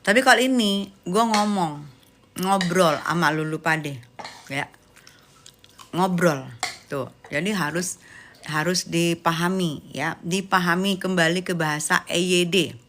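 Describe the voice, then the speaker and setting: Sassy young woman w/ doing a live chat, teasing her viewers, bright voice. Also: lowish voice, measured pace, long pauses, a little hiss or hum. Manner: sassy, teasing, mixes in slang. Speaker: livestream host chatting with viewers. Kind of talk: casual live chat, reading comments.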